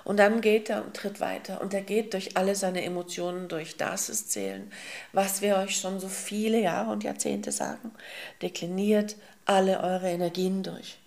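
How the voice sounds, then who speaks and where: This woman's parable unfolds slowly and emphatically, her gravelly, creaky voice animated and mid-pitched. She tenderly addresses her listeners as souls and beloved ones as a spiritual teacher, with soft hums filling her pauses.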